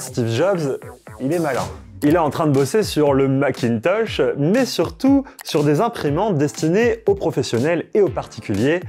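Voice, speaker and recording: A man's voice: a little high, a little mellow. A man hosting a tech explainer, narrating a script with playful, jokey asides to the viewers. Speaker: host of a tech channel.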